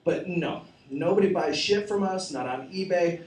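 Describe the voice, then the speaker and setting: A man's voice: high voice, moderate pace, a little hiss or hum. A man in his forties doing an open-mic stand-up set in a small cafe, rambling, profane and mocking himself. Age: 40s. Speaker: stand-up comedian. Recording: echoey room, mic at a distance.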